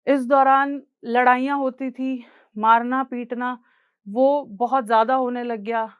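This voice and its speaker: A woman's voice: fairly high pitch, fairly even intonation, measured pace, clear, resonant tone, no room sound, phone-quality sound. Young Indian woman telling her story. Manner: earnest, plain storytelling that mixes in English words. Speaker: speaker sharing her life story. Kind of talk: personal story told on stage.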